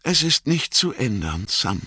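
A man reading aloud and voicing an earnest young male hobbit who speaks gently but firmly. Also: mid-range voice, sing-song, husky, dry recording, clean studio sound, pitched above the performer's own voice, full character voice. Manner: earnest, firm, measured.

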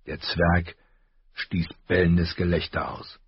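A man narrating an audiobook with a steady, measured reading. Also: sits low, husky, no room sound. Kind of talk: scripted narration. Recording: slightly dull, dry audio.

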